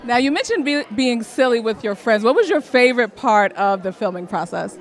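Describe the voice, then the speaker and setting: A woman's voice: on the high side, lively intonation, a little fast. A woman chatting as a red carpet interviewer, asking questions into a handheld mic. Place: red carpet press wall at an event. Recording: crowd chatter behind, event hall. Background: crowd chatter.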